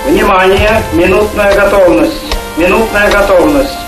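Launch controller on crackling space radio. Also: male voice, high voice. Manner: terse, measured call-outs. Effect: crackling archival space radio link. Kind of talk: clipped launch countdown commands. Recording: distant echoey archival radio recording with music.

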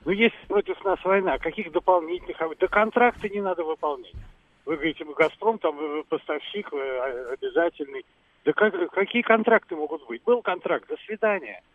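Male caller from Moscow, slightly high voice, emphatic and hardline, heard through a thin landline phone. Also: fairly quick, no echo. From Moscow, Russia. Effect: over a landline phone. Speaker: radio call-in caller. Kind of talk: call-in opinion. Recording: narrow tinny phone line.

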